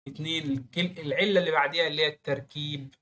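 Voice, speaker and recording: A man with an Egyptian accent teaching Arabic grammar, quizzing the viewer with quick rhetorical questions. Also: on the high side, fairly even intonation, sharp tone. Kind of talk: online grammar lesson.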